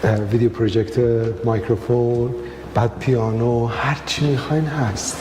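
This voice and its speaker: A man hosting a school tour, talking quickly and excitedly as he interviews staff and repeats his points to viewers. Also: medium pitch. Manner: rapid, excited, repeats phrases. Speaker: host touring a school. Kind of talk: fast touring commentary and interview. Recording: echoey room with faint noise.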